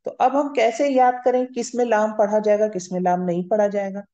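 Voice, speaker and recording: A woman teaches a grammar lesson in a warm, mellow voice, patiently taking it step by step and pausing to check that everyone follows. The recording sounds roomy and a little dull and lo-fi. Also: mid-range voice, fairly even intonation. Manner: patient, explains step by step, often checks understanding. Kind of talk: classroom lecture. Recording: roomy, slightly muffled lo-fi recording.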